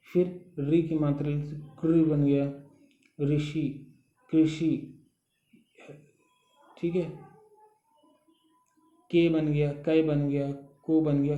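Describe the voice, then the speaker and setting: A man teaching a grammar lesson, explaining step by step and often checking in with the listener. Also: fairly high pitch. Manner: slow, patient explaining with frequent "ठीक है" check-ins. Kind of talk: recorded Hindi grammar lesson. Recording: dull echoey room sound.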